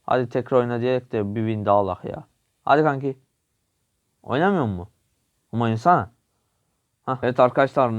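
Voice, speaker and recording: A young man giving casual, excitable commentary while playing a mobile game, coaching his teammate and repeating short calls. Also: medium pitch. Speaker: gaming channel host.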